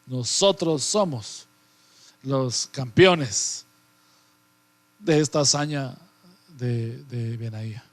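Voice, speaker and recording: A man's voice: mid-range voice, no room sound. A man playing bragging talking legs. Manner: bragging, slow and emphatic.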